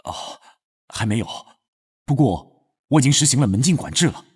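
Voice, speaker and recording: Brief: dutiful, anxious steward in a TV drama, raspy. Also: male voice, medium pitch, lively intonation, normal speed, darkish tone. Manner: fussing and dutiful. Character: anxious male house steward. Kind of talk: TV drama acting.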